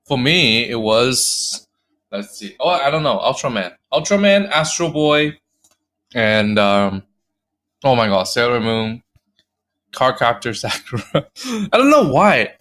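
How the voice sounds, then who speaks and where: A man's voice: mid-range voice, very animated, measured pace, a bit bright. A man from China co-hosting a podcast, rambling through memories with lots of fillers and hesitation. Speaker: podcast co-host, teacher. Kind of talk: casual podcast chat.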